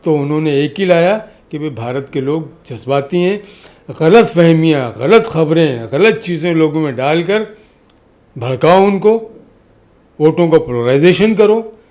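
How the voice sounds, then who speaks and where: An emphatic community activist appears as a podcast guest, arguing political points with oratorical weight and stacking parallel phrases. He speaks unhurriedly in a slightly high, animated, somewhat mellow voice during this impassioned interview.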